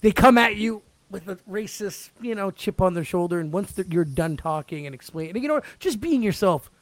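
A man telling anecdotes in casual chat, excitable and informal, with some swearing. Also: high voice, fairly quick, no echo.

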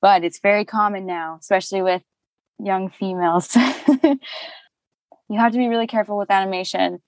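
Young woman voice actor, chatty and animated, mid-pitched, dry close sound; casual interview guest. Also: a little fast, no echo. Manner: chatty, animated, laughs often, many fillers.

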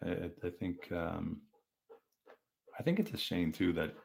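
A man co-hosting a podcast, chatting casually about sports with lively restarts. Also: deep voice, gravelly. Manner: animated, fast back-and-forth with restarts. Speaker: podcast co-host.

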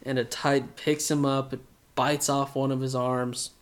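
A man co-hosting a podcast, chatting casually through an episode recap with animated, joking asides. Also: medium pitch, moderate pace. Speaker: podcast co-host.

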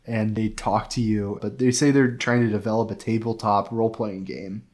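A man co-hosting a gaming podcast, chatting casually and excitedly, rambling with lots of filler words. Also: lowish voice, moderate pace. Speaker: podcast co-host. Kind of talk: casual game review chat.

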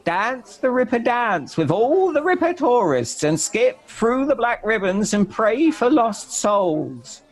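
A man voicing a loud, jolly man in a hobby horse costume who calls out in a high, sing-song shout. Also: sing-song, slow, few pauses, heavily acted. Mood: rowdy.

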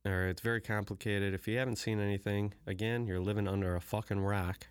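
Man, podcast host, profane rambling monologue, low voice, smooth clear tone. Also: flat delivery, quick pace, dry recording, clean studio sound. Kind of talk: casual solo podcast monologue.

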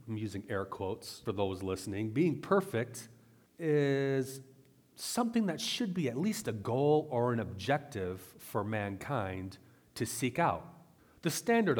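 A man giving a sermon-style Bible teaching, speaking conversationally with asides, slowing to stress key words. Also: mid-range voice. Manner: conversational, with asides and filler "right?". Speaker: teacher of a weekly Torah portion.

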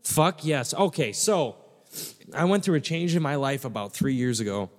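Guy chatting loose and swearing, mid pitch, big hall echo all over him. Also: big pitch swings, moderate pace. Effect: big echoey hall reverb. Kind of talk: casual chat. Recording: long hall reverb on voice.

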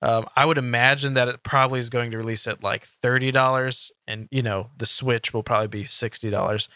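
A man hosting a casual gaming podcast, talking in a halting way with many "um" fillers. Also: medium pitch, steady tone, bright, forceful tone, smooth, dry recording, studio quality. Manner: filler-heavy, halting delivery with frequent "um". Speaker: podcast host.

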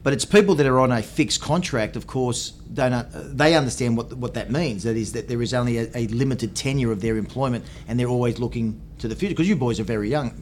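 Fast-talking Australian podcast host, male. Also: medium pitch, a little hiss or hum. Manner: wordy, repeats and rephrases. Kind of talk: conversational interviewing.

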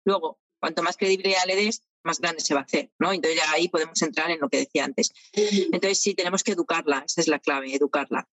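A woman with a lower voice, recorded with a dry, close sound. She speaks thoughtfully and picks up on the others' points to add her own. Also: quick pace, fairly bright tone, dry recording. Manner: thoughtful, builds on what others say. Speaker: guest speaker. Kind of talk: casual conversation.

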